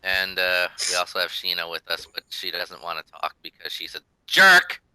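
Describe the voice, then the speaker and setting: A man hosting a casual podcast, giggly and quick to laugh. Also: low-pitched, flat delivery, sharp tone, smooth, no room sound. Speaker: podcast host. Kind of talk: casual chat.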